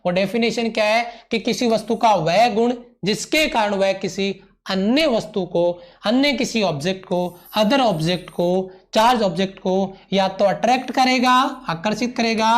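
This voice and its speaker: A man teaching a live online physics class, repeating each point and gently calling his students "beta". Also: sits high, unhurried, hardly any pauses. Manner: mixes English terms into Hindi.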